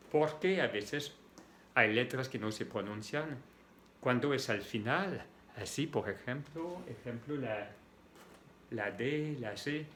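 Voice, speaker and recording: A man's voice: mid-range voice, fairly bright tone, echoey room, slight background noise. A man with a French accent teaching French sounds in Spanish, spelling letters out and repeating each sound patiently. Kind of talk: slow language lesson.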